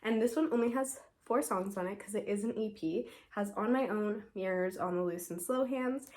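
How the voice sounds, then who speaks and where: A woman's voice: mid-range voice, moderate pace, a little mellow. Stuffy-nosed young woman vlogging from home, sore throat, super enthusiastic, says like constantly. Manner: gushing, enthusiastic, says "like" often. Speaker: YouTuber. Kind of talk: casual vlog chat.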